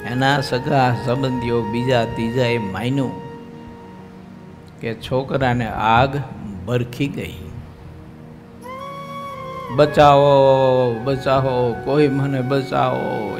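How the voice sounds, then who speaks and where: A man's voice: medium pitch, long reverb tail. A man with a Gujarati accent, a swami giving a storytelling sermon to an assembly, acting out the cries of the people in his story. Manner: slow, dramatic storytelling that acts out cries and wails of the characters. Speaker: swami giving a religious discourse. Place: large assembly hall.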